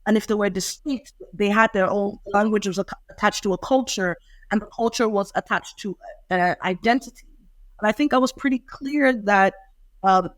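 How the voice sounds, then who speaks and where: Reflective and thoughtful, a young adult poet from Ireland responds to an interviewer's questions. She has a mid-range voice, recorded with no echo.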